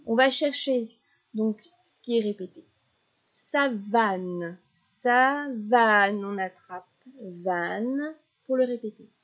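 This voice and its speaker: A woman teaching a child nursery rhymes, slowly chanting and echoing the last syllables of words. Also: medium pitch, lo-fi sound. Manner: slow, deliberate syllable-by-syllable chanting addressed to a child.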